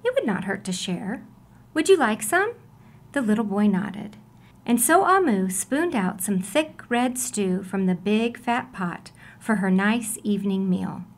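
Speaking at a medium pitch, this storybook reader performs a children's tale out loud. She takes a deliberate, expressive approach to the telling.

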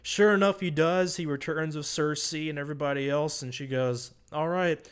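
A man giving a casual, animated recap and review, often acting out quoted lines in brief voices. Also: on the high side, brisk, clear, resonant tone.

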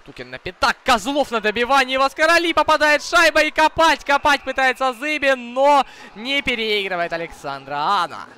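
A man commentating live hockey in an excited goal-call manner, raising his voice as he follows the play. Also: very high voice, moderate pace, hardly any pauses, clean tone. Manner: excited, raised voice reacting to the play.

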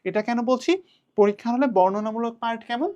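Young bangladeshi guy tutoring for exams, rattles along quick, keeps throwing questions at the students. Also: extremely high pitch, darkish tone, muffled recording. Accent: Bangladeshi Bengali. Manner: brisk, talks straight to students, asks quick rhetorical questions. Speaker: exam prep teacher. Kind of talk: online revision lesson.

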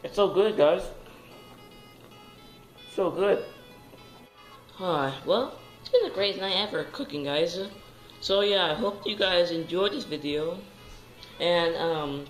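Excitable young boy vlogging his cooking. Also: on the high side, unhurried, long pauses, soft background music, rough recording. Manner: chatty, excitable, lots of fillers and "guys". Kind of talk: casual cooking vlog. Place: home kitchen, indoors. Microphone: phone camera held close.

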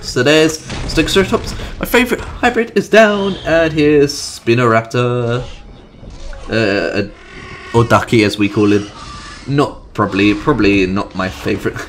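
A man giving chatty let's-play commentary, excitedly thinking aloud about his moves. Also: lowish voice, a little hiss or hum. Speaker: gamer. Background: game music.

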